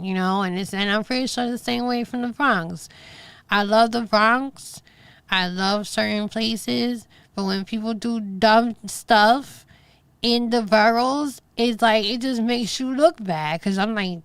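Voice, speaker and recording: Chatty, Brooklyn woman, New York accent, podcast host, middle-aged, smooth clear voice, dry sound. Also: mid-range voice, no echo. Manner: chatty, rambling, emphatic asides. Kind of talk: casual solo chat to a live stream.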